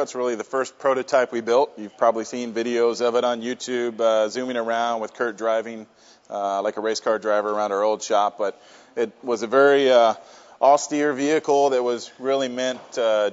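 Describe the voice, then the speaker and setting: A man's voice: mid-range voice, steady tone, brisk, lo-fi sound. A man leading a casual walking tour of a workshop, friendly and plain-spoken with frequent fillers. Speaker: company tour guide. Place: workshop and offices, indoors.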